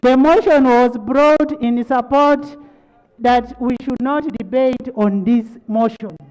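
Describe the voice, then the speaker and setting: A Ugandan-accented speaker of parliament chairs a debate formally. The voice is smooth and resonant, moving slowly and with deliberate authority. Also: medium pitch, fairly even intonation, darkish tone, poor audio. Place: large parliament chamber.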